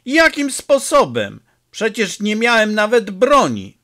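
A man's voice: fairly high pitch, sing-song, a little slow, bright, forceful tone, heavily acted. A man voicing a hot-tempered burly village mayor who bellows his lines in a storybook reading. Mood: indignant. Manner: bellowing, explosive.

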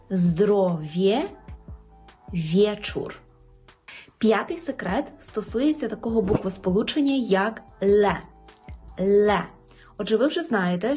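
A woman language teacher giving a pronunciation lesson, slowly repeating example words in a clear, instructive way. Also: medium pitch, darkish tone. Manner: slow, drawn-out repetition of example words.

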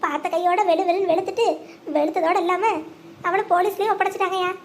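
A high-voiced performer voicing an older village mother who pleads and wails for her jailed daughter. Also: steady tone, quick pace, slight background noise. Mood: pleading. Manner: wailing, pleading.

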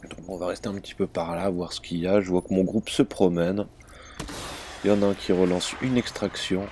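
A low-voiced man talks through a game in a relaxed let's-play commentary, chatty and informal. He hesitates often and keeps a loose, friendly flow. A faint hiss of noise sits under his gaming mic. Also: a little fast. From France. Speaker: gaming channel host.

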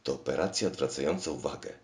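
A man's voice: very deep voice, quick pace. A man voicing a forgetful, scatterbrained female thinking machine with a fussy, pedantic manner. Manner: pedantic, muddled, absent-minded. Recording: roomy echo.

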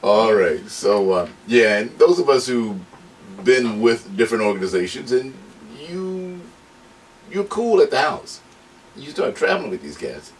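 A man's voice: medium pitch, big pitch swings, measured pace. A man hosting a radio interview, joking and emphatic in casual talk. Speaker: radio host. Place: radio studio. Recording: distant mic with faint room noise.

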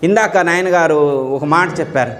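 A young man giving a devotional discourse, often putting questions to his listeners and singing verses slowly. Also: fairly high pitch, fairly bright tone, faint music behind. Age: young adult. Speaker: spiritual speaker. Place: gathering hall. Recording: reverberant hall.

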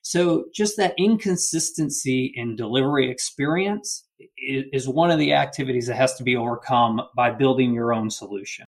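A man's voice: mid-range voice, moderate pace. A man speaking as a logistics executive guest in an interview, explaining steadily and often adding a questioning "right?". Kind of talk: business interview.

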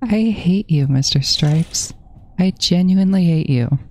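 Slow, low-voiced woman narrating horror gameplay. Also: animated, mellow. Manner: jittery, repeats panicked phrases. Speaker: gaming channel host. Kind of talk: horror game playthrough commentary. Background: faint background music.

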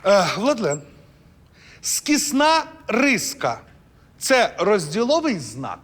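A man's voice: high voice, huge pitch swings, slow, fairly bright tone. A man hosting a quiz show in a playful, jokey, theatrical way. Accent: Ukrainian. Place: TV studio with audience. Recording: studio with long reverb and audience noise.

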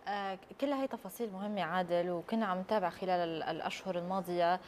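Quick, lowish Levantine woman interviewer. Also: darkish tone, a little hiss or hum. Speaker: news interviewer, host. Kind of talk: studio interview. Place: large TV news studio. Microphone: lapel.

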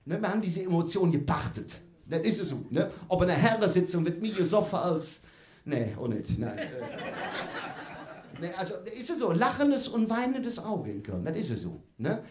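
Cologne guy doing stand-up on stage, high voice that jumps all over, keeps going "ne?", roomy hall sound. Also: sing-song, normal speed. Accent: Cologne (Kölsch). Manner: chatty, keeps adding "ne?", laughs along. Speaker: comedian on stage. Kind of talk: live stand-up in front of an audience. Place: live venue with audience.

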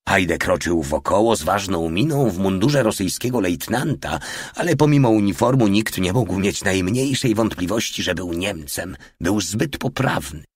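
Deep husky guy reading an audiobook, steady and measured, dry close sound. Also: dry recording. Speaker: audiobook narrator. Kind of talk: audiobook narration.

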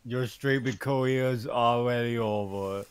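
A man's voice: mid-range voice, fairly even intonation, unhurried, clear, resonant tone. A man in a voice chat with friends, offhand and swearing, giving blunt advice. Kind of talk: casual gaming chat.

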